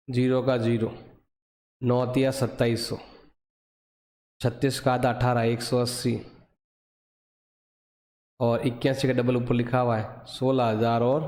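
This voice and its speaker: A man's voice: mid-range voice, flat delivery, slow, long pauses, a little mellow. A male math teacher with a Hindi accent explaining a lesson step by step, asking and answering his own questions. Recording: echoey room, voice drifting from the mic.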